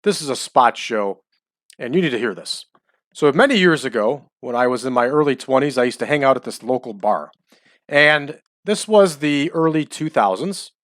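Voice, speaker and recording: A man's voice: medium pitch, lively intonation, normal speed, a bit bright, no echo. Chatty man in his forties, dry mic. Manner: chatty, rambling storyteller. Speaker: let's-play host. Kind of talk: casual commentary over a wrestling management game.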